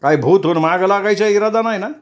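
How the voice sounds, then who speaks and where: A man voicing a brash, loud middle-aged politician who mocks and scolds. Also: high-pitched, quick pace, pitched above the performer's own voice, close to an everyday voice. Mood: scornful. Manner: loud, scornful, teasing.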